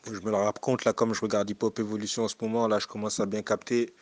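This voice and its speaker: A man's voice: lowish voice, level tone, fast talker. A man chatting casually with friends on a call, joking, laughing often and using slang. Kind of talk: casual chat.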